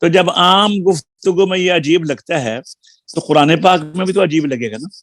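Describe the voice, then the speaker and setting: A middle-aged man teaching a recorded Quran recitation lesson, patiently explaining and slowly spelling out syllables. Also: a little high, a bit bright, no echo. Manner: slow, deliberate spelling-out of sounds and syllables; patient explaining, repeats key points.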